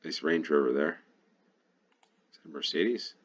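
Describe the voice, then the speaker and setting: A man's voice: extremely low pitch, normal speed, slightly rough, dull audio. An American man giving casual gameplay commentary as he plays, thinking aloud and correcting himself as he goes. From United States. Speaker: GeoGuessr player and host.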